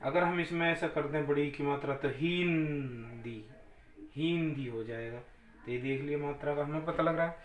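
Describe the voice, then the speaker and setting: Male Hindi teacher with a slightly high voice, patient and repetitive, recorded in an echoey room. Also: fairly even intonation. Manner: slow, drawn-out vowel demonstrations, repeating sounds. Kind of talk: classroom grammar lesson.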